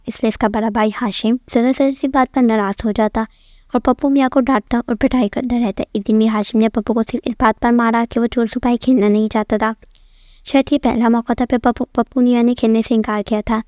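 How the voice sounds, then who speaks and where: A woman narrating a tale in an even, unhurried read. Her voice sits a little high and stays flat in its pitch, with a dry, close sound. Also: no echo. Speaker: storyteller. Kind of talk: storytelling narration.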